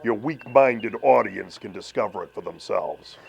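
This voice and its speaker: In a talk-show skit, a man plays an armored dark lord, issuing slow, threatening pronouncements. His lowish voice is creaky, and he carries himself with cold arrogance.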